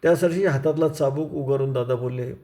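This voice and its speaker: A man's voice: mid-range voice, fairly quick, mellow. A man reading a novel aloud as a storyteller, narrating vividly and dramatically. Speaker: storyteller, lecturer.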